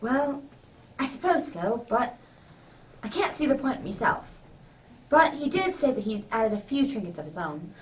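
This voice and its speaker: A woman's voice: fairly high pitch, big pitch swings, measured pace, pauses often, slight background noise. A woman playing a kindly, bluff doctor dressed as Santa Claus in a radio drama, with hearty old-fashioned exclamations. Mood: kindly, puzzled. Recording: distant microphone.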